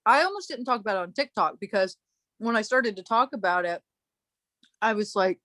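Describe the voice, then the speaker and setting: A woman's voice: mid-range voice, animated, brisk, a bit bright, no echo. A woman hosting a casual chat, telling a long story in a rambling way, breaking off and laughing often. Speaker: podcast host.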